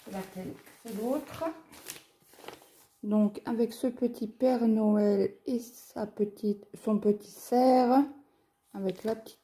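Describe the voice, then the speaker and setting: A French craft vlogger with a fairly high, warm voice shows off a cross-stitch kit in a casual, chatty unboxing video. She speaks slowly and in a steady tone, talking it through with fillers and small hesitations.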